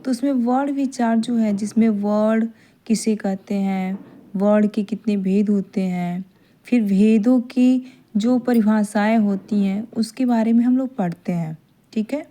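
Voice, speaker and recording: A woman teacher giving a grammar lesson who repeats her points, often adds a quick checking "okay", and slowly draws out vowel sounds to demonstrate them. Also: medium pitch, dark tone.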